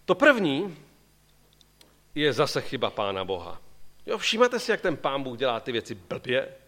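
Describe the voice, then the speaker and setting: A man preaching a sermon, asking his listeners questions and pulling them into the story. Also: mid-range voice. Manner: animated, questioning the congregation directly.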